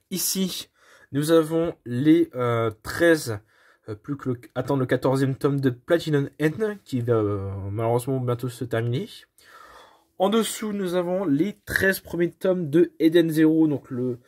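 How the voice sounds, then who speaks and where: Holding his phone at arm's length, a man casually shows off his manga collection while filming his room. He speaks at normal speed in a slightly high, darkish voice, hesitating a lot with fillers, restarts, and self-corrections, and apologizing in a modest, self-deprecating way.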